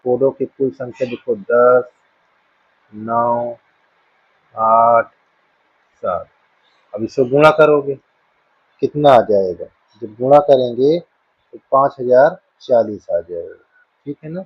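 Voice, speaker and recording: A man's voice: mid-range voice, takes it slowly, long pauses, slightly rough. A man teaching a school maths lesson, patiently working through counting problems and often checking that students follow. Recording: dull dry lo-fi room sound.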